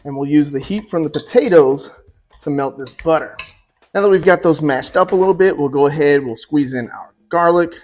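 A man in his forties hosting a relaxed home cooking demonstration from his kitchen, easygoing and chatty, with asides to the viewer. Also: on the high side, moderate pace. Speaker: cooking show host.

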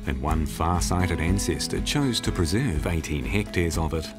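A man narrating a documentary from a script in a measured, storytelling way. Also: sits low. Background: background music.

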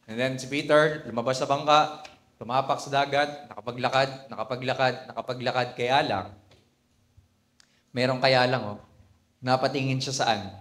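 A man with a Filipino accent preaching a conversational sermon as a bishop. He tells the story in a lively way and adds laughing asides. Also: medium pitch, normal speed, long pauses. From Philippines. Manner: animated storyteller, mixing Tagalog and English, with laughing asides.

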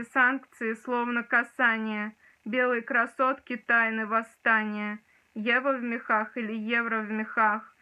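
A young woman dramatically declaiming poetry from a book in a forceful, rhythmic way, recorded indoors on a nearby phone or camera. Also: a little high. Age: young adult. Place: small room indoors. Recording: dull, lo-fi sound.

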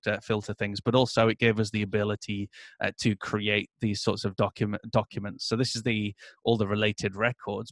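A man explaining a software setup during an interview, walking through his screen in a relaxed, filler-heavy way. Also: lowish voice, no echo. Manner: explanatory, many fillers and "et cetera". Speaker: interview guest, agency owner. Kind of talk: casual screen-share walkthrough.

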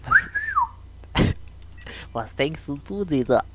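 Man, role-play game voice chat, brash, swears freely, slightly high voice. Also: expressive, takes it slowly, very noisy. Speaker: roleplay streamer playing his character.

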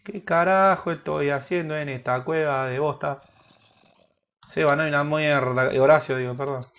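A man with an Argentine Spanish accent giving crude, joking gameplay commentary that bursts into loud shouts. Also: fairly high pitch, steady tone, moderate pace, muffled recording. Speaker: gaming youtuber.

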